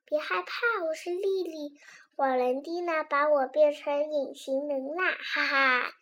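A woman's voice: sits high, steady tone, unhurried, a bit bright. A woman doing a giggly little princess. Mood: gentle. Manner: giggly, playful. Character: lively mischievous little princess girl. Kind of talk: children's storybook reading.

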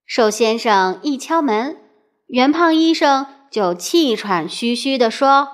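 Lively, high-voiced woman reading a storybook. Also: slow pace. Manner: expressive, with playful questions to the listener.

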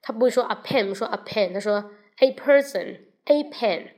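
A woman from China hosting a casual livestream English lesson, chatting with viewers, switching between Chinese and English and slowly repeating words to show how they sound. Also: a little high. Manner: addresses viewers directly and invites questions.

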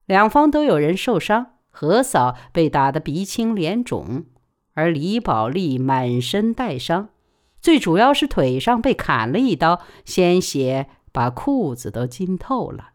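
A woman narrating an audiobook episode in an expressive, dramatic reading style. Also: fairly low pitch, measured pace. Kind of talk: audiobook storytelling.

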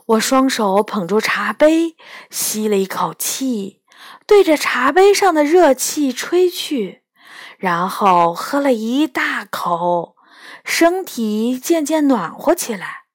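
A woman reading a children's storybook aloud in an expressive, unhurried way. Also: fairly high pitch, dry recording, clean studio sound.

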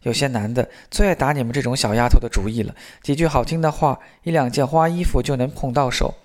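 A man's voice: medium pitch, fast talker, natural voice. A man reading as a scolding, worried mother. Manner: anxious, reproachful, sighing lectures.

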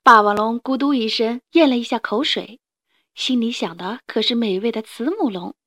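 A woman reading a children's story aloud in a gentle, expressive way. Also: on the high side, moderate pace, no echo, clean studio sound.

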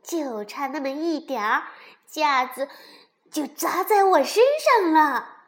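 A woman voicing a sensible young rabbit in a storybook who is quick to get annoyed. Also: on the high side, expressive, a little mellow.

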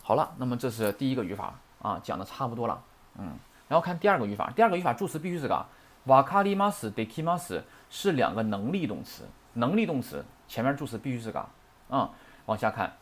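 A man's voice: mid-range voice, very animated, fast talker. A man teaching a Japanese grammar lesson, colloquial and full of rhetorical questions to his students.

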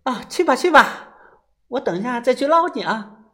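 A man voicing a sharp-tongued young woman in an audiobook, dry and needling. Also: extremely high pitch, lively intonation, normal speed, voice pushed up, full character voice. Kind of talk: audiobook character voice.

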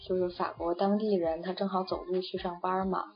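A woman's voice: lowish voice, little pitch movement, fairly quick. A young woman from China chatting casually and rambling, with many fillers and restarts. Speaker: interviewee. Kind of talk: casual chat. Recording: dull lo-fi audio with faint music.

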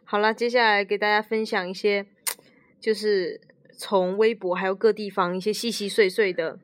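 A woman's voice: medium pitch, fairly even intonation, moderate pace, no echo, clean studio sound. A young woman co-hosting a podcast, chatting and teasing her co-host casually. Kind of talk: casual chat.

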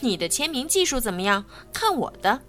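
A woman's voice: mid-range voice, very animated, normal speed, faint music behind, lightly acted. A woman voicing a proud, boastful male race car who mocks his rival. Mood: haughty. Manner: haughty and mocking.

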